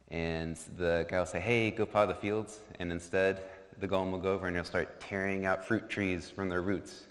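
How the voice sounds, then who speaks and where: A man with a very low voice tells a story to a congregation in a chatty, joking manner, full of asides and fillers. The long reverb of a church sanctuary hangs behind his words. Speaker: storyteller at a worship service.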